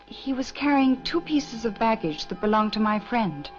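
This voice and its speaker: A woman's voice: on the high side, expressive, normal speed, faint music behind, close to an everyday voice. An actress playing an anxious young woman searching for her missing friend, asking urgent, pleading questions. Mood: earnest. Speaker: actress in a 1960s horror film. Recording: dull 1960s film soundtrack.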